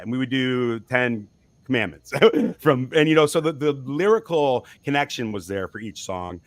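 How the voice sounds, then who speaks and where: A man being interviewed about his band, talking loosely with frequent restarts and small laughs. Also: medium pitch. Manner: rambling, chuckling, frequent restarts. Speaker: musician guest. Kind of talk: casual interview talk.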